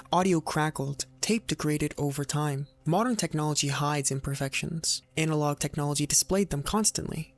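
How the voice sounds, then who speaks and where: Soft background music accompanies a male video narrator delivering a scripted documentary. His voice is slightly high, and he explains things deliberately, isolating brief phrases for dramatic effect.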